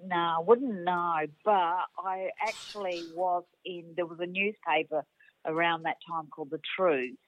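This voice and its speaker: A woman's voice: lowish voice, steady tone, measured pace. An older woman from Australia, a guest telling rambling stories in a casual chat over the phone. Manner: rambling storyteller. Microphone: phone call. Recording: dry tinny phone line.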